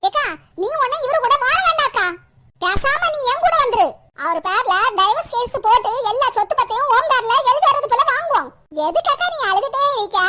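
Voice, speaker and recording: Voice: very high-pitched, expressive, moderate pace, pushed and bright, exaggerated voice. A voice actor playing a scheming younger sister in a cartoon, wheedling and coaxing, with a Kanyakumari Tamil accent.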